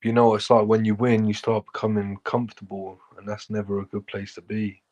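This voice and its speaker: A man's voice: fairly low pitch, completely flat delivery, brisk, darkish tone, highs cut off. A man chatting casually on a podcast, laid-back and swearing freely as he predicts arm-wrestling matches. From England. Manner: laid-back, swears freely, says "you know what I mean".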